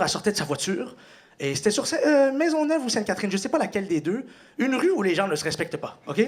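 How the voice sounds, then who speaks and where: A young man with a Quebec French accent doing a stand-up routine in a comedy club, animated and breaking into shouted impressions. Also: a little hiss or hum. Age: young adult. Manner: animated, bursts into shouted high-pitched impressions. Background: audience laughter.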